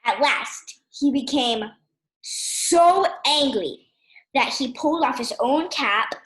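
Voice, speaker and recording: A woman reading a picture book aloud, stopping for gentle asides and questions to her listener. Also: sits high, unhurried, poor audio. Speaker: storyteller.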